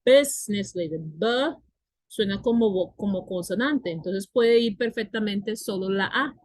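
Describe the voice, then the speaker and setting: A woman's voice: mid-range voice, unhurried, darkish tone, no room sound. A woman whose first language is Spanish, teaching an English class and explaining grammar patiently, repeating and spelling out words.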